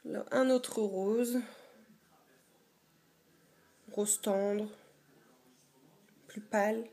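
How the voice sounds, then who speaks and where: A woman's voice: mid-range voice, fairly even intonation, extremely slow, mellow. A young woman chatting casually about her own collection in a dim bedroom, hesitant and full of fillers. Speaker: beauty vlogger. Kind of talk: casual show-and-tell.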